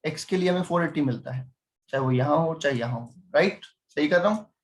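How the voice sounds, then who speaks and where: Guy teaching a class, kinda high voice, teasing and quizzing students nonstop. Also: brisk. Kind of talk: classroom lecture.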